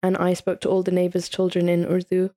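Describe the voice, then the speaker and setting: Guesting on a podcast, a woman in her early twenties with a British accent chats and tells casual stories, often using "like." She is English but grew up partly in Italy and Saudi Arabia. Her lowish, warm voice stays completely flat and runs a little fast.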